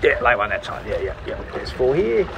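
A man's voice: mid-range voice, sing-song, brisk, vocal fry. A man coxing a rowing crew, calling out terse, clipped commands. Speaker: rowing coxswain. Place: outdoors in a rowing boat on water. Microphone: coxswain's worn microphone. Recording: noisy on-water boat recording. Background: loud water and boat noise.

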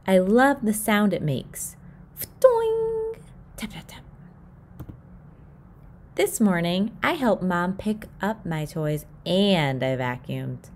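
A woman reading a children's picture book aloud at storytime, expressive and playing out the sound effects. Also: lowish voice, slight background noise. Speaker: storytime reader.

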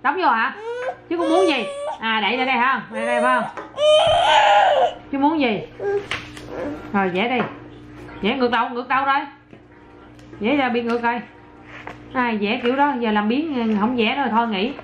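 A woman's voice: a little high, moderate pace, long pauses, music in the background. A woman, a mother filming her toddler in a casual home vlog, chatty and exclaiming as she coaxes the child.

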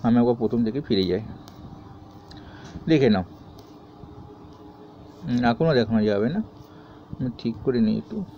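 A man teaching a grammar lesson to students, reading each question and then explaining the answer in a steady tone. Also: mid-range voice, normal speed, long pauses, highs cut off, a little hiss or hum.

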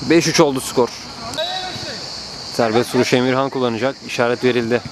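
A man doing live play-by-play football commentary, excitable, with calls that rise to drawn-out screams at goals. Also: over a noisy crowd. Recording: noisy outdoor pitch, background ambience.

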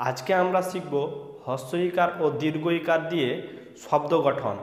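A man teaching a beginners' reading lesson, speaking slowly and patiently and spelling out each sound. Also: fairly high pitch. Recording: echoey room with long reverb.

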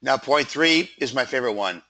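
A man presents slides in an informal, conversational sales-pitch style. His voice is froggy yet bright and forceful, sitting at a middling pitch. He leans on lists with emphasis. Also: animated, fairly quick. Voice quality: froggy, throat-clearing voice. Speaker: PR company presenter.

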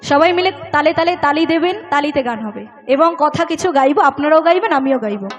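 A woman's voice: high-pitched, expressive, brisk, muffled recording. A woman folk singer talking from a live stage, coaxing the audience to clap and sing along. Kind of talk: live stage talk between songs. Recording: loud band music behind the voice.

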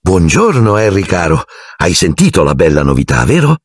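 A man voicing a bossy, proud witch mother with a brisk, scolding manner in an audiobook. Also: sits low, very animated, breathy edge, no room sound, studio quality, exaggerated voice. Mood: warm.

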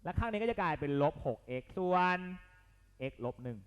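A man leads a math exam lesson in a casual, coaxing way, asking again and again whether students are keeping up. His voice sits a little high and moves up and down a lot. The sound carries a long, hall-like reverb. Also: brisk, smooth. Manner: lively, coaxing, keeps checking the students follow; blunt and slangy at times. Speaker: math tutor.

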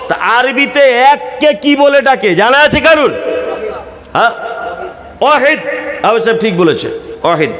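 A man's voice: high-pitched, a bit bright. A man from West Bengal with a West Bengal Bengali accent, preaching a waz sermon at a large gathering, asking the crowd questions and answering them himself. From West Bengal, India. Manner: counts and explains in a teaching tone. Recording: echoey, long reverb over a public address system.

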